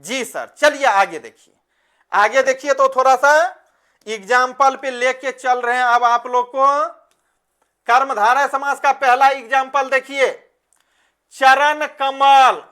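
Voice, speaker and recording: A man teaching an online class, speaking slowly. He keeps putting questions to his students and then answers them himself, calling them "beta" as he goes. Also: extremely high pitch, fairly even intonation, pushed and bright, clear, resonant tone.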